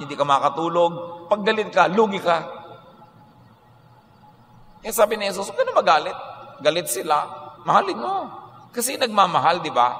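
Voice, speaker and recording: A man's voice: a little high, fairly bright tone, in a large hall, a little hiss or hum. A man preaching a radio sermon, emphatic and mixing Tagalog with English. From Philippines. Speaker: pastor.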